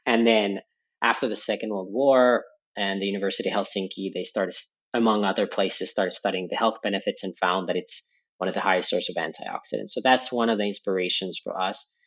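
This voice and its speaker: A man's voice: sits low, steady tone, a little fast, a bit bright. A man from Finland, speaking as a podcast guest and explaining at length in a thoughtful way, with fillers and restarts. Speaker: podcast guest, company founder. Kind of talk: conversational interview explanation.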